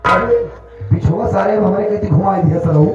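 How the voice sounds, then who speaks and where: A man with a Bhojpuri accent acting in nautanki folk theatre, answering in short, gruff retorts. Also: high-pitched, fairly quick. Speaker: nautanki stage actor. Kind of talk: live folk theatre dialogue. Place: outdoor stage with live music. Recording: echoey, dull stage sound, distant mic, loud music.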